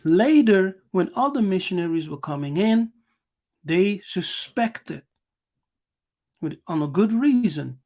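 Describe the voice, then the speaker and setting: Slow, gravelly-voiced man lecturing. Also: high voice, big pitch swings, darkish tone. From Angola. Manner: emphatic, repeats words and punctuates with "yes". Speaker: channel host. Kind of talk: lecture, reading passages aloud and commenting.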